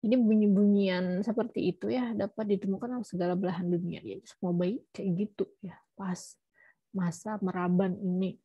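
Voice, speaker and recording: Gravelly-voiced woman giving a lecture. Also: mid-range voice, fairly even intonation, a little fast, dry recording. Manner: explanatory, frequent tag "ya", self-corrections. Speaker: teacher. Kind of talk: lecture on child language development. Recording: muffled lo-fi recording.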